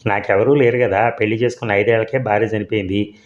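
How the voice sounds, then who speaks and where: A man's voice: fairly low pitch, steady tone, quick pace, muffled recording, lightly acted. A man voicing a drunk, frightened widower who speaks in a slurred, pleading way. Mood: slurring. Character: drunk, frightened middle-aged widower host.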